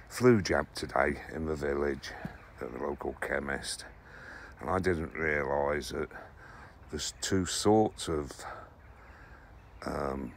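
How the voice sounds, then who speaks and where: Extremely low in pitch and gravelly, the voice of a sixty-something English allotment vlogger carries a little hiss or hum. He rambles casually to camera about his harvest, correcting himself frequently, around greenhouses and plots partly outdoors.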